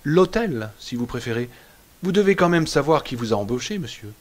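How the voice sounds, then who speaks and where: A man doing a courteous, eerily calm waiter. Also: mid-range voice, a little fast, close to an everyday voice. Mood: politely eerie. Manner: formal, courteous, unruffled. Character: soft-spoken, eerily polite male hotel waiter.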